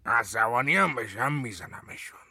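Defiant madman, played by a man: husky, sharp-edged tone, mimics every question back. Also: medium pitch, expressive, dry recording, clean studio sound, full character voice. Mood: rambling. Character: eccentric unhinged man mocking his interrogator.

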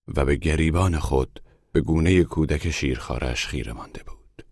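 Man reading a story, extremely deep voice, measured and hushed, dry close sound. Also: dry recording. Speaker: narrator.

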